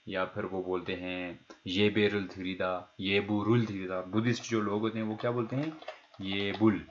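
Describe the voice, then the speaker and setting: A man's voice: fairly low pitch, dull audio, a little hiss or hum. A man teaching a recorded language lesson, repeating each key word and quizzing his students as he goes. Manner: explains step by step, repeats key words and asks the class questions; pauses to check his notes mid-lesson. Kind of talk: recorded online lecture.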